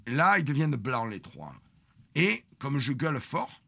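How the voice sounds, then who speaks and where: A man's voice: mid-range voice, measured pace, creaky, husky, no echo. A man telling a story on a live stream, acting out the confrontation dramatically. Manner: dramatic, animated retelling that acts out the confrontation.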